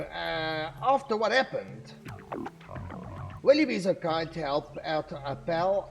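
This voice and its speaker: A man's voice: on the high side, creaky, exaggerated voice. A man voicing a mischievous chained prisoner in a video game, sly and wheedling, breaking into mocking laughs.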